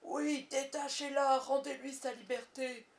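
A woman voicing a bold boy who imitates a pirate captain's voice, barking loud orders in a storybook reading. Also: high voice, flat delivery, a little slow, reverberant, voice pushed up. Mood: commanding. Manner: loud commanding shouts.

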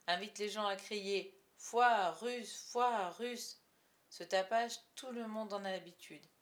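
A woman narrating a story in the first person, with a soft, hushed telling. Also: medium pitch. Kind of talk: storybook reading.

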